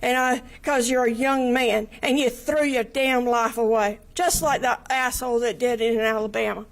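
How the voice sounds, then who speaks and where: A woman's voice: a little high, steady tone, moderate pace. An older woman with a Southern accent giving an emotional courtroom statement as a victim's relative, blunt, swearing and close to tears. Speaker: victim's family member giving an impact statement.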